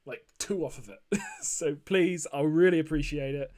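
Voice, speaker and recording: A man's voice: on the high side, moderate pace, darkish tone. Chatty man rambling over gameplay. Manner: rambling, chatty, lots of ums and fillers. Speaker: let's play host. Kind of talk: casual gameplay commentary.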